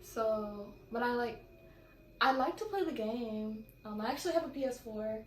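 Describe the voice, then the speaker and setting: Young cali girl rambling through a q&a vlog, kinda high voice, echoey room w/ faint hiss. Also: lively intonation, moderate pace. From California, USA. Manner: chatty, rambling, slangy. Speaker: vlogger. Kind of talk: casual Q&A vlog.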